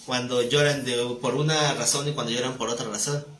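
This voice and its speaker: A man with a Mexican accent teaching a live Bible class to a group, animated and joking, acting out voices as he tells stories. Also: medium pitch, fairly quick. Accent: Mexican Spanish. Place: room with a live audience. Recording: echoey room, faint noise.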